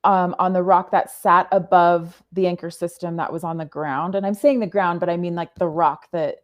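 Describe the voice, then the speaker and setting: A woman appearing as a podcast guest tells a personal story earnestly in a lowish, fairly even voice. She speaks haltingly, frequently pausing to find the right words and rephrase.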